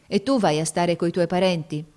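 A woman voicing a gentle, caring twelve-year-old girl in a storybook reading, with a light, raised girlish voice. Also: on the low side, fairly even intonation, moderate pace, natural voice.

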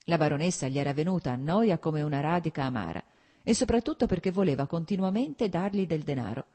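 A woman reads a classic novel aloud in measured audiobook narration. Her voice sits low and sounds warm and mellow, and she keeps an even pace. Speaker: audiobook reader.

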